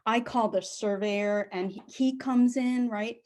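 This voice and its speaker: A middle-aged woman telling a personal story aloud, lively, acting out the other people in it. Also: on the high side, unhurried. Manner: animated, acts out the voices of people in her story.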